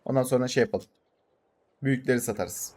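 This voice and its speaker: A young Turkish man commenting on his farming game in a casual, excitable way, swearing and urging his tractor on. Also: mid-range voice, fairly quick. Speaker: gaming channel host.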